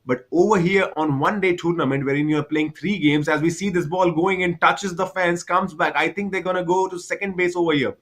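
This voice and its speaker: A man's voice: high voice, steady tone, brisk, few pauses. A man doing live baseball commentary, chatty and repetitive, explaining the game for cricket fans.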